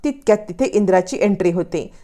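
A woman narrating a recap of a television serial in a steady storytelling manner. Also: medium pitch, brisk.

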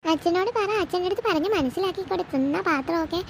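A woman's voice: very high-pitched, fast, slight background noise. A woman voicing a young cartoon wife and mother who fusses and complains, chatty and nagging. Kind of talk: cartoon voice acting.

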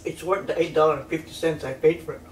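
Man, food vlogger, mouth full while talking, slightly high voice, recorded from a distance in an echoey room. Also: fairly even intonation, slight background noise. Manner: plain, halting commentary. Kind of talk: casual mukbang vlog. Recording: echoey room, mic far off.

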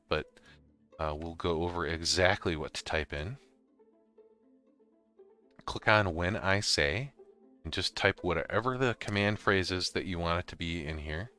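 A man with a deep, bright, smooth voice hosts a software tutorial. He explains things step by step in an informal way during a casual screen-recorded walkthrough.

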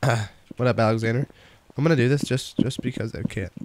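A young man streaming a video game live, chatting casually, reading chat aloud and breaking into excited outbursts while he plays. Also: mid-range voice, fast, slight background noise.

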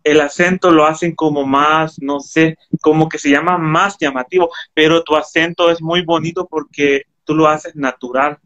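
A man's voice: on the high side, fairly even intonation, normal speed, hardly any pauses, fairly bright tone, highs cut off. A man interviewing an actress, friendly and complimentary as he asks his questions. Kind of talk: casual interview chat.

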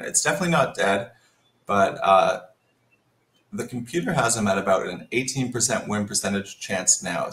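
Man analyzing a board game, low voice. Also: fairly bright tone, reverberant. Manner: analytical, thinks aloud while reading the board. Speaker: Scrabble commentator. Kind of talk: live game commentary.

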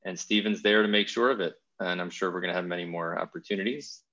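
A man's voice: sits low, fairly even intonation, quick pace, pushed and bright, lo-fi sound. A man hosting a podcast interview, talking in an enthusiastic, thoughtful way with frequent restarts. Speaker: podcast host. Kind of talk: casual interview chat.

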